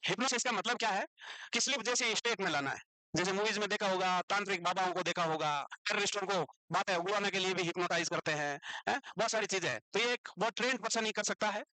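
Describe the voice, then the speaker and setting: High bright male teacher lecturing. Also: no room sound, rough recording. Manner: quizzing, repeating questions to the class; scolding students. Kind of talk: classroom lecture.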